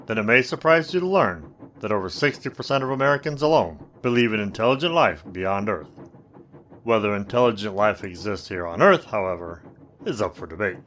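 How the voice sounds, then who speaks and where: A man's voice: on the low side, fairly bright tone, slight background noise. A man playing a sinister, teasing storyteller who hosts an old-time radio horror tale with theatrical, wry delivery. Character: sinister, teasing male mysterious storyteller of eerie tales. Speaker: host narrator.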